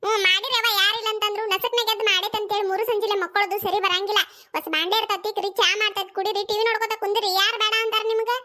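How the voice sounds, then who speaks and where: A bossy, scolding old village mother-in-law from a cartoon, put on by a woman, speaking in a North Karnataka accent. The voice sits very high and bright, and the words come out in a quick stream. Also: fairly even intonation. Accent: North Karnataka Kannada.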